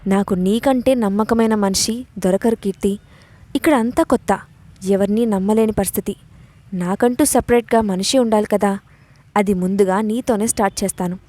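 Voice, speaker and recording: A woman's voice: mid-range voice, steady tone, normal speed, dark tone, dry recording, close to an everyday voice. A woman reading the part of a bold young woman boss in an audio story, with a mocking, commanding way of talking. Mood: calm.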